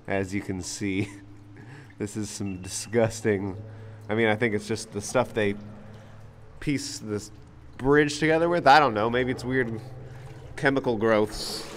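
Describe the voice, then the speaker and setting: A man's voice: fairly low pitch, steady tone, unhurried, pauses often, a little hiss or hum. A man hosting an outdoor vlog, chatting and laughing as his voice echoes inside a tunnel under a bridge. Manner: upbeat, chatty, laughs often. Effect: echoing tunnel reverb. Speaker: vlog host, fossil hunter. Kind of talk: casual outdoor vlog chat.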